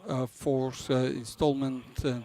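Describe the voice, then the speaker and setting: Guy presenting at a business conference, non-native english, kinda halting, hunting for words. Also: mid-range voice, little pitch movement, warm tone. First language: not English. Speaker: conference presenter for a banking software company.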